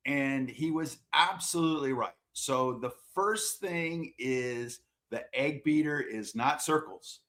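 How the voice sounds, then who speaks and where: Man, coach, interview answers, mid pitch, frank, self-deprecating, restarts phrases. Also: slow pace, hardly any pauses, fairly bright tone. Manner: plain-spoken, self-deprecating, repeats words as he gathers thoughts. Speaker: swim and water polo coach.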